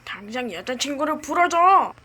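A woman's voice: sits high, sing-song, normal speed, bright, forceful tone, exaggerated voice. A woman voicing a bold, brash young boy hero who defies a villain in an amateur cartoon story. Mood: determined, defiant.

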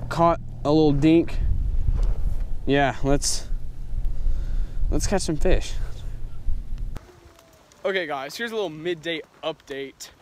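Excitable high-voiced teen boy outdoors. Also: slight background noise. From Texas. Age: teens. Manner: excitable, says dude and bro a lot. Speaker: fishing vlogger. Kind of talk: casual vlog. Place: outdoors by suburban ponds. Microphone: handheld or body-mounted action camera.

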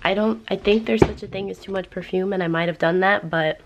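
Bubbly teen girl vlogging at home, lots of gravelly fry, chatty and excitable. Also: medium pitch, a little fast, background noise. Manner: chatty and excitable, talks to viewers as "guys". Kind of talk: get-ready-with-me vlog chat. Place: home while getting ready.

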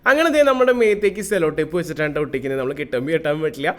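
A man's voice: fairly high pitch, big pitch swings, rapid-fire, fairly bright tone. A young man chatting playfully to his viewers while making and wearing costume puppets, outdoors. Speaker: vlogger. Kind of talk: casual DIY vlog narration. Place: outdoors, street and park.

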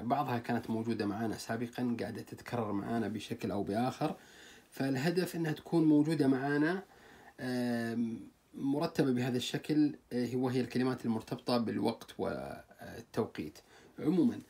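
A man's voice: medium pitch, darkish tone, breathy edge. A man teaching Spanish vocabulary, saying each word twice and breaking long words into syllables. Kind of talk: vocabulary lesson.

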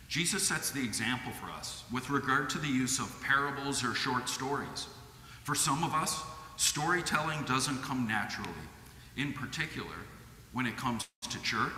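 A middle-aged man with a Midwestern American accent preaching a sermon from a lectern, in a measured, earnest way. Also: medium pitch, sharp tone, slight background noise. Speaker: lay preacher. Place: church sanctuary with stained glass. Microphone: lectern microphone. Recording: echoey church hall.

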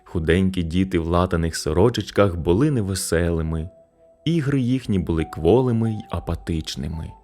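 A man narrating a children's audiobook story in an expressive storytelling manner. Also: low voice, moderate pace, faint music behind.

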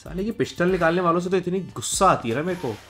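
A man's voice: sits high, expressive, rapid-fire. A young man, sick with a cold and fever, giving casual gameplay commentary and scolding an enemy player. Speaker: gaming streamer. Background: game music and gunfire.

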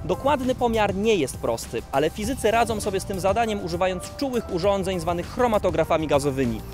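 A man in his thirties presenting a science video, explaining things in clear scripted narration. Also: high voice, expressive, a little fast. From Poland. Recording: music bed under the voice.

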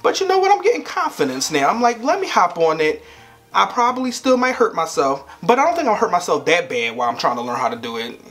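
A man's voice: high voice, wildly swooping pitch, fast talker, few pauses, fairly bright tone, soft background music. A young man in his twenties chatting playfully to camera at home, laughing often. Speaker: vlogger. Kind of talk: casual chat to camera.

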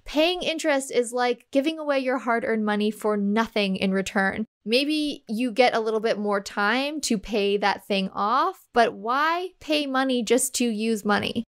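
A woman's voice: on the high side, measured pace, hardly any pauses, clean tone. A woman hosting her own podcast, talking casually and upbeat with small laughs between points. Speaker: podcast host. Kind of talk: casual solo podcast talk.

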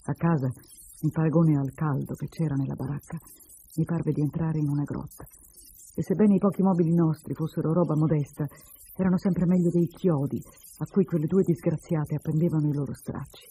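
A man reading a short story aloud in a measured and expressive first-person narration. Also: on the high side, husky, rough recording. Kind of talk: literary reading.

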